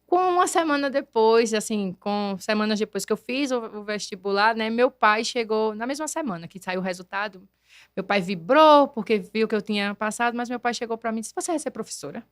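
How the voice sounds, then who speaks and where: A woman in her forties speaks with a slightly high voice on a dry, close studio mic. She tells her story in an animated way, acting out the voices she quotes. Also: brisk, clean tone, no echo. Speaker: guest, math teacher and neuroscience educator. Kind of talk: conversational podcast interview.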